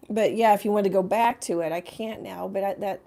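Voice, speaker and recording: A middle-aged woman chatting through a live painting lesson in her home studio. Her voice is husky and hoarse, with frequent throat-clearing and quick apologies. She talks at an easy, everyday pitch. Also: dark tone. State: hoarse from coughing, frog in throat. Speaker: painting instructor. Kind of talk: casual live painting chat.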